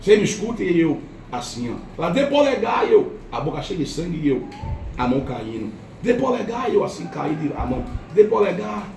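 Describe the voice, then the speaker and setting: A man's voice: a little high, lively intonation, fast, a little mellow, soft background music. A man with a Brazilian Portuguese accent giving an impassioned church testimony at a home worship gathering. He repeats phrases for effect and acts out the voices of others. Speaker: lay preacher giving testimony. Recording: roomy, distant, faint noise.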